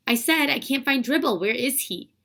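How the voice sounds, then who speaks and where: Storybook schoolboy, upset and excitable, voiced by a woman reading aloud. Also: high-pitched, moderate pace, voice pushed up, full character voice. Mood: pleading.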